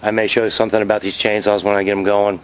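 A man in his fifties, filming handheld outside his garage, races through a chatty, rambling show-and-tell vlog and gets excited about his finds. His voice is on the low side with a clear, resonant tone, though the recording itself is rough.

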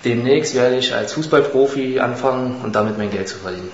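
A man in his twenties giving a halting, rehearsed self-introduction at a casting interview, in a small room on a handheld mic. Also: mid-range voice. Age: 20s. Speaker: model contestant. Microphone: handheld mic held by interviewer. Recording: echoey room, slightly dull, faint hiss.

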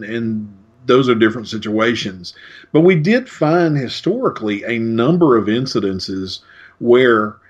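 A man speaking as an author and guest in an interview, explaining his points in a measured way with frequent restarts. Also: medium pitch. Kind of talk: conversational interview. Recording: dull lo-fi recording.

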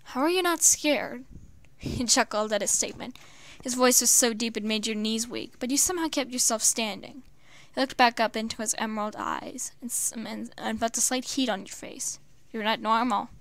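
A woman's voice: on the high side, fairly even intonation, fairly bright tone, dry recording. Woman reading fan fiction, often stumbling. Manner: halting, with many stumbles and restarts. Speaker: storyteller.

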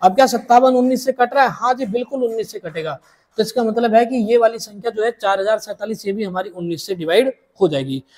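Male maths teacher, patient and repetitive, slows down to spell out each step for the class. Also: high voice, a little mellow. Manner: repeats each step slowly, addresses students as dear children. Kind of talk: blackboard maths lesson.

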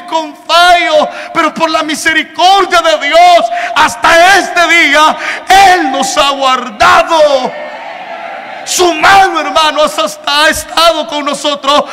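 A man preaches a sermon in a church hall, his voice pitched very high. He swings from forceful, bright shouting to hushed, close asides and calls his listeners "hermano" again and again. The voice rings with a long hall reverb. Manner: swings between loud shouting and quiet, intimate asides.

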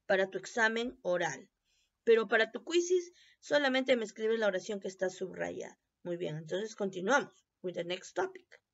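A woman teacher giving a recorded review lesson, explaining in Spanish and repeating English phrases slowly for pronunciation. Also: medium pitch, animated. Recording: dull lo-fi recording.

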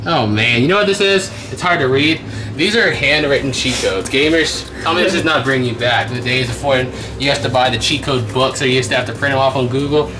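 A treasure-hunting vlogger in his twenties rambles chattily to his viewers while rummaging through a metal storage unit indoors. His mid-range voice moves a little fast, picked up by a handheld camera mic with music playing underneath.

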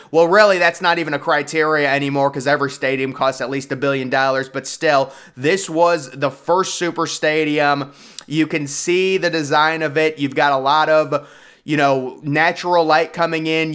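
A man's voice: fairly high pitch, a bit bright, clear, resonant tone. A young man giving casual, opinionated commentary in a voice-over, enthusiastic and conversational. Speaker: YouTube sports commentator.

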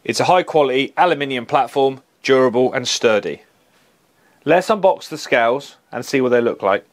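A man's voice: medium pitch, animated, normal speed. Man giving a practical tool review. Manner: plain-spoken, practical, mildly jokey. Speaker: HVAC engineer reviewing tools. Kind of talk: product review presentation. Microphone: lapel mic.

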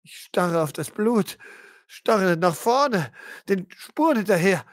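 A player speaking in first person as their character, intense and halting, often dropping to a hush. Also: medium pitch, expressive, no echo, clean studio sound.

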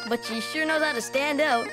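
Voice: sits high, measured pace, rough recording. An actor voicing a good-natured, teasing teenage boy in a cartoon, casual and boyish. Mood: pleased, teasing. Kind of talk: animated series voice acting. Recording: music behind the voice.

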